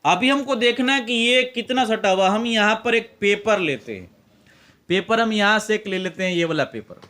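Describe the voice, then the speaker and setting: High-pitched and animated, this man speaks at normal speed with a bright, forceful tone. He's a physics teacher with a Bihari Hindi accent, leading a classroom lecture built around a hands-on demo while urging students to say terms back aloud.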